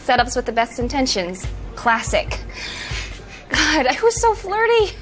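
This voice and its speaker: Awkward young woman, high lively voice. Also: soft background music. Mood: embarrassed. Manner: halting, self-deprecating. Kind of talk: sitcom acting.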